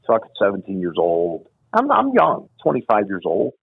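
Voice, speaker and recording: Middle-aged man, very low gravelly voice, profane animated storytelling, tinny phone-line sound. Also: moderate pace, no room sound. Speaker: retired police officer. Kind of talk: storytelling in an interview.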